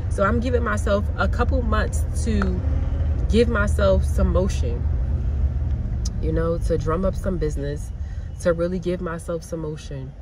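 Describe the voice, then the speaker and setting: A woman vlogging casually about her new nail salon, candid and rambling, from Pennsylvania. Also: medium pitch. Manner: candid, rambling, uses y'all and like a lot. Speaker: nail tech and salon owner. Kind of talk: casual vlog chat. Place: in a car. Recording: car and street noise behind.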